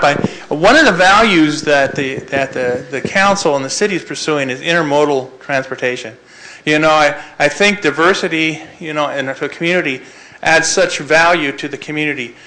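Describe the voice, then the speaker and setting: Bright-voiced man moderating a town meeting. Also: on the high side, low-quality recording. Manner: rambling, restarts phrases often. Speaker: city manager leading a public meeting.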